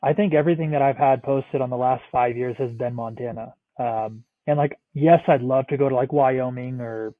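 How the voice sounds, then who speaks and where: A Northeastern American guy of about thirty keeps a steady, mid-range tone at normal speed with few pauses while rambling in a casual podcast interview. He drops "like" often and swears freely. The sound is a dry, tinny, phone-quality remote feed with no echo.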